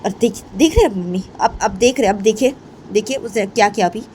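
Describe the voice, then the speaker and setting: A woman voicing a fiery young woman who keeps repeating herself in an insistent, shrill way. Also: a little fast, dark tone, a little hiss or hum, close to an everyday voice. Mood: angry.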